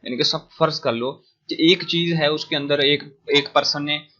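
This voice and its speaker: A man giving a casual recorded lecture as a tutor, explaining slowly with many fillers and English phrases mixed in. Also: fairly high pitch, steady tone, pushed and bright. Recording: dull lo-fi audio.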